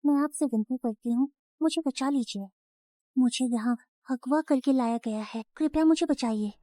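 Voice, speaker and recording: A woman doing a kidnapped young woman, high mellow voice, urgent pleading, dry studio sound. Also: moderate pace, no room sound, natural voice. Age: young adult. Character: kidnapped young college woman, desperate and defiant. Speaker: dubbing actor. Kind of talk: Hindi drama dub.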